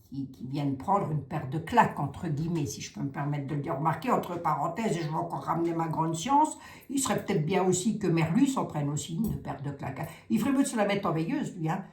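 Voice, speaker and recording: A woman's voice: low voice, expressive, fairly quick, darkish tone, roomy sound. A middle-aged woman giving a casual tarot reading, chatty and frank, with mocking asides. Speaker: tarot reader.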